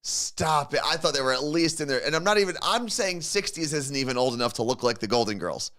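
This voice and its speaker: Animated man co-hosting a morning show. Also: a little high, brisk. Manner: animated, laughs often. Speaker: radio show co-host. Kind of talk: casual chat.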